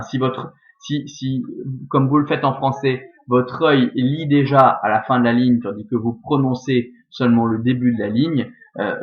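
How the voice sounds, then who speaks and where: A man's voice: mid-range voice, phone-quality sound. A man teaching a lesson, methodically walking through the scansion of a verse step by step. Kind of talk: scanning Latin verse in a recorded lesson.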